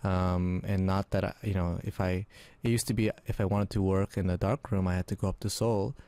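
A man's voice: low voice, flat delivery, brisk, mellow, smooth, dry recording. A young man from Argentina talking in a casual interview about his film work, thoughtful and hesitant, with many fillers and restarts. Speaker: interview guest, film artist.

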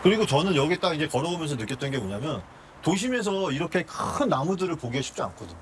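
A man's voice: fairly high pitch, very animated, fast, a little hiss or hum. A man in his forties hosting a travel show, chatting politely and exclaiming on location. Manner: friendly, exclamatory, polite questions. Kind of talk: casual on-location chat.

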